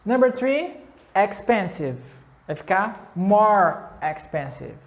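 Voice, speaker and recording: A Brazilian woman teaching English comparisons. She says the English examples slowly, then explains quickly in Portuguese. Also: medium pitch, very animated, creaky. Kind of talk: classroom lesson.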